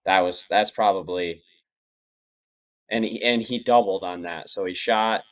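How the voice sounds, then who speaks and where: A man's voice: deep voice, unhurried, a bit bright. A man chatting casually as an interview guest, talking in a plainspoken, reflective way. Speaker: podcast guest.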